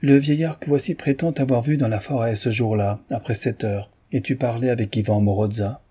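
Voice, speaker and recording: A man's voice: mid-range voice, moderate pace, dark tone, breathy edge, natural voice. A man reading aloud voices a young woman, a composed mistress who questions her servant steadily. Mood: stern.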